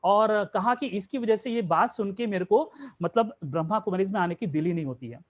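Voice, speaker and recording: A man's voice: high-pitched, brisk. A man teaching a spiritual class, asking rhetorical questions and answering them himself, mixing in English words.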